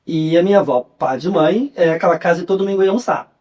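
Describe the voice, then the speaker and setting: A young adult man with a Carioca accent, a podcast guest who recounts memories in a relaxed, chatty way and often adds a questioning tag. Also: high voice, fast. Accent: Carioca (Rio de Janeiro) Portuguese. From Rio de Janeiro, Brazil. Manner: relaxed storyteller, often ends phrases with a questioning "né". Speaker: guest, journalist and writer. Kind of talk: casual interview chat.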